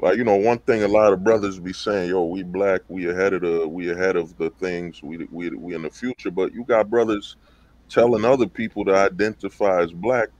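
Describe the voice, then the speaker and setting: A man's voice: deep voice, fairly even intonation, a little fast, a little mellow, no room sound, highs cut off. A man on a livestream panel talking casually and emphatically, full of slang and rhetorical questions over a call mic. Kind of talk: casual debate talk.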